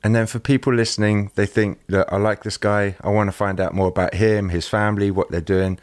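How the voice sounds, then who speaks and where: A man's voice: fairly low pitch, little pitch movement, brisk, dry recording, studio quality. A man hosting a podcast, introducing and questioning his guest in a friendly, conversational way. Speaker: podcast host.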